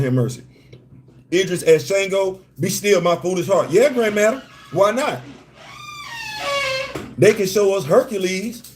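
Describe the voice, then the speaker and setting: A New York man whose accent carries a hint of the South runs a live stream, his voice sitting a little high. In animated commentary he speaks in forceful, slangy bursts, repeating himself for emphasis and hailing viewers who join.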